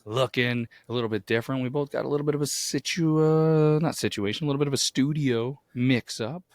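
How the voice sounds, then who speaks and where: A man with a hoarse, grating voice from too much yelling, chatting casually as a podcast co-host. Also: mid-range voice, brisk, no room sound, clean studio sound.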